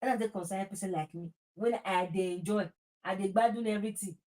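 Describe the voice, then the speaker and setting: A Nigerian-accented woman hosting a talk show speaks briskly at medium pitch with a warm tone. Her political talk is impassioned and informal, emphatic in its opinions, full of repeated phrases and slips into Pidgin.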